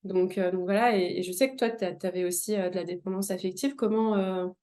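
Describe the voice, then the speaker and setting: Young woman host, lots of um, mellow voice, casual chat. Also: medium pitch, fairly even intonation, a little fast. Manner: hesitant, many fillers. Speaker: interview host.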